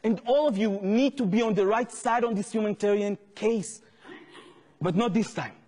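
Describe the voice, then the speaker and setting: A man's voice: sits high, normal speed, a little mellow, long reverb tail. A man with an Israeli accent giving a public lecture as an activist, telling a story earnestly and growing impassioned.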